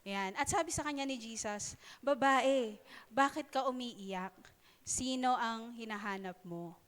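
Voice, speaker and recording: High-voiced woman preaching conversationally. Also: fairly bright tone. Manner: conversational, halting, with many fillers and playful asides. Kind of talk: sermon in Taglish.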